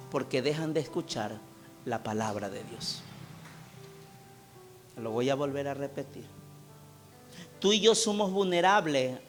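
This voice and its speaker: High-voiced preaching pastor man. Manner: impassioned preaching, swings from loud to hushed. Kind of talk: sermon. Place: church.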